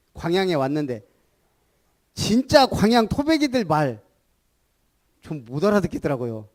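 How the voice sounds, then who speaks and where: This high-voiced man is a pastor from Gunsan in South Korea's Jeolla region, preaching a sermon with great animation. He poses rhetorical questions and has the congregation repeat lines.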